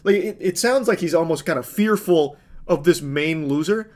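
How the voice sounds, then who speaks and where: A man's voice: on the high side, moderate pace, darkish tone. A man giving sarcastic, exasperated reaction commentary. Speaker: online commentator.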